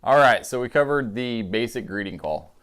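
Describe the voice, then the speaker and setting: A man giving a casual, folksy instructional demonstration in a clear voice, as a calling instructor. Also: medium pitch, animated, moderate pace, noisy background.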